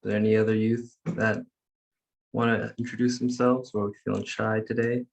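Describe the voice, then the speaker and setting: Deep, flat-voiced man leading a call. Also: vocal fry, muffled recording. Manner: measured, formal, reads prepared remarks. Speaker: youth council facilitator. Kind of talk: leading an online meeting. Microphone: video call.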